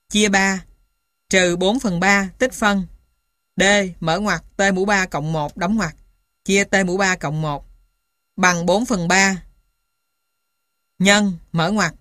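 A woman reading scripted material as dictation, piece by piece, in a measured, matter-of-fact way, like an instructor. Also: mid-range voice, a bit bright, no echo, clean studio sound. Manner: dictating symbols and punctuation one piece at a time. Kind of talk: scripted dictation of maths formulas.

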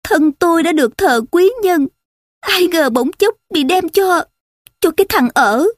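A woman voicing a tearful young concubine who pleads in a high, wailing lament. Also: expressive, unhurried, dry recording, studio quality. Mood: anguished.

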